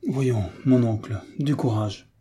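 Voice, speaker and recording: A bold young soldier, read by a man in a storybook, lively and teasing. He is resolute and playful, with a dark, mellow, husky sound. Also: medium pitch, slow. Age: young adult.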